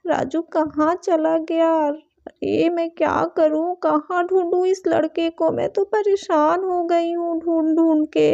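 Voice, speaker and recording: A woman's voice: very high voice, steady tone, unhurried, gravelly, warm tone, highs cut off, heavily acted. A woman voicing a worried young mother in a doll story, fretful and pleading. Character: worried young mother searching for her son.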